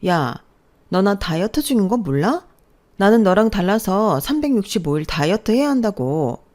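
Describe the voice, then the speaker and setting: A woman voicing a spoiled, bratty young woman announcer who whines and scolds her older sibling in a shrill voice. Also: big pitch swings, moderate pace, darkish tone, close to an everyday voice. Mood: scolding.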